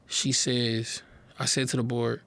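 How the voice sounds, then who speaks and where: A young man giving a personal testimony to a live audience, earnest and halting, often repeating words as he speaks. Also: medium pitch, monotone, fairly bright tone, dry recording.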